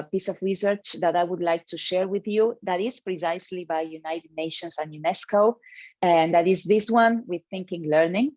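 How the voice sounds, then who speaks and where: A woman's voice: fairly low pitch, darkish tone, no room sound. A woman presenting an educational webinar to teachers over a video call, earnest and emphatic, reading participants' names from the chat.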